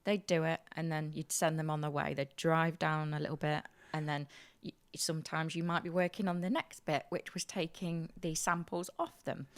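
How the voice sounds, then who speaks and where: A woman's voice: low-pitched, flat delivery, moderate pace, few pauses. A woman co-hosting a podcast, explaining things in a chatty storytelling way. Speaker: podcast co-host. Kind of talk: casual chat.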